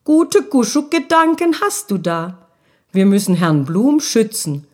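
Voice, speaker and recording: A caring girl school ghost, voiced by a woman reading a storybook speaks gently and reassuringly to her brother. Her voice sits a little high and moves freely. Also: sing-song, unhurried. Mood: gentle.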